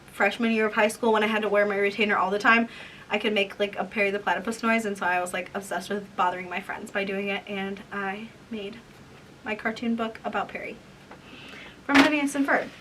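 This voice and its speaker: In a casual vlog, a woman in her twenties reads her old diaries aloud, embarrassed and poking fun at herself. Her voice is mid-range and fairly bright, picked up by a distant mic with room noise.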